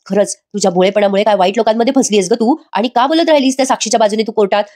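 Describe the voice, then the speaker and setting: A woman's voice: medium pitch, very fast, dark tone, natural voice. A young husband, shocked and protective, exclaims and then reassures, read out by a woman in a serial recap. He sounds earnest and steadying.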